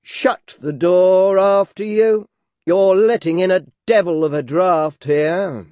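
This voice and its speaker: A man doing a slow, drawling gentleman. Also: high voice, no room sound, highs cut off, pitched above the performer's own voice. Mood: calling out. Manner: very slow, measured, drawn-out phrasing. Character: extremely deliberate gentleman, drawling a dog story.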